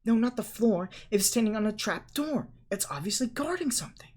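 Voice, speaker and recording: A clever, sharp-tempered schoolgirl who lectures everyone around her, voiced by a man reading aloud. Her voice sits well above his own. She scolds crisply and impatiently. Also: sits high, big pitch swings, fast talker, pitched above the performer's own voice, exaggerated voice. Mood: scolding. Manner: scolding, know-it-all.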